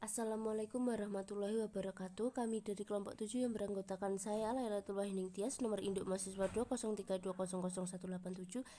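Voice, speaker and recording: A young woman from Indonesia, a university student, reads a class presentation in a steady, explanatory way and slows down to recite Arabic examples. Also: medium pitch. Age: young adult.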